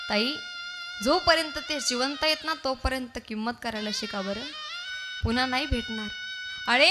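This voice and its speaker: A woman kirtan preacher telling an emotional devotional story and acting out the voices in it. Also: high-pitched. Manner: emotional, dramatic, acts out voices in quotes.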